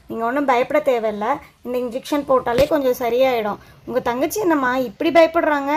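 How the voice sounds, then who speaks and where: A woman's voice: sits high, lightly acted. A woman voicing a patient adult nurse doll who soothes and coaxes a frightened child in a doll show. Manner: soothing, coaxing, explaining step by step.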